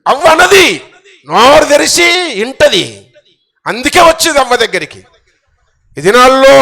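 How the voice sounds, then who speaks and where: A male pastor, hoarse and strained, preaching a fervent sermon with sudden shouts and repeated phrases. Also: very high voice.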